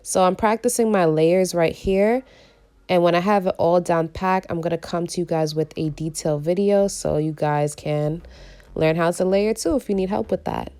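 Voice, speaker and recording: Low raspy woman's voice, recovering from a cold. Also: moderate pace, warm tone. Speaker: beauty vlogger. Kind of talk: tutorial voice-over.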